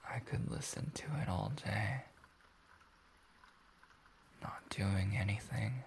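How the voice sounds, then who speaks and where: A man acts out a warm, intimate boyfriend in an ASMR role-play, soothing a sleepy partner from very close. His low voice is soft and creaky, and he takes his words extremely slowly. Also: slight background noise, full character voice. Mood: dreamy, calming.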